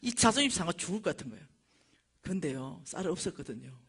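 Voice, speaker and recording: A middle-aged woman, lecturing at a church and telling a personal testimony with animated storytelling. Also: lowish voice, fast talker, slight background noise. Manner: animated storytelling, acting out dialogue.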